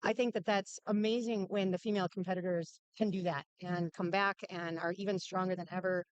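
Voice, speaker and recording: A woman's voice: lowish voice, fairly even intonation, a little fast, clean tone, dry recording. A woman from Minnesota co-commentating at a strongman competition in a friendly, upbeat way. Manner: friendly, upbeat, laughs often. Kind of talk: live event commentary.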